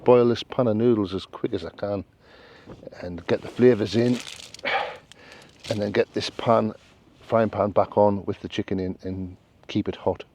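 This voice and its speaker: A Northern English man talks casually to camera while camping alone. His voice is fairly low and mellow, and he muses aloud in a plain, understated way. Faint outdoor ambience sits behind him in the tent. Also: fairly even intonation, a little slow, pauses often, a little hiss or hum. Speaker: solo camping vlogger. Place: inside a small tent outdoors.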